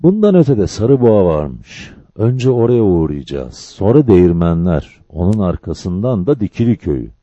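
A man voicing an eager young village man who answers in brisk, terse replies, in a dull lo-fi recording. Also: low-pitched, very animated, warm tone, no room sound.

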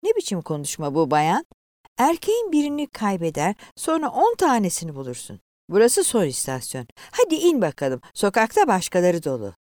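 A woman doing a rude shouting bus conductor. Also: mid-range voice, wildly swooping pitch, a little slow, no room sound, clean studio sound. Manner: gruff, mocking, shouting. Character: rude mocking male omnibus conductor, middle-aged.

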